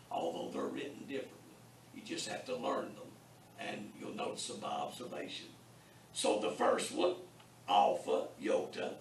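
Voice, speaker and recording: A man teaching a beginners' Greek class in a classroom, drilling sounds slowly and deliberately with lots of repetition and a teasing sense of humor. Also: mid-range voice, vocal fry, fairly bright tone, far from the mic, slight background noise. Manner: wry, teasing humor with students. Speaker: Bible college Greek teacher. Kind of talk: classroom lecture. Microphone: distant room mic. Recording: echoey classroom taped from afar.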